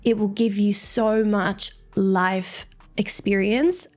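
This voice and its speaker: In a casual interview, a dancer in her twenties with an Australian accent reflects cheerfully on things. She speaks slowly in a steady, mid-range voice with a darkish tone, faint music behind her.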